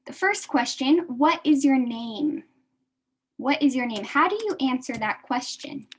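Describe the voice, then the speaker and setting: A young American woman teaches a beginner English class to adults, speaking slowly and repeating every phrase. Her voice is high and slightly rough, with lively intonation.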